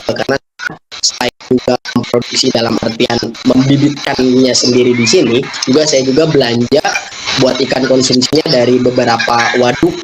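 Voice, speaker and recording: A young man in his twenties explains his business plans at length, stopping often to search for the next word. Heavy noise runs underneath his voice the whole time, and his pitch sits in the middle. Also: steady tone. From Indonesia. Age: 20s. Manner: expansive, explains at length with many pauses and fillers. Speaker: fish business owner. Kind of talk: interview answers. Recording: loud background noise.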